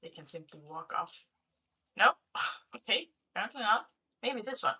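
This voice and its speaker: Playing a city-building game on a live stream, a young woman talks casually with her audience, and her voice keeps cracking. Her mid-range voice is expressive, pushed and bright with a breathy edge, and moves at a moderate pace.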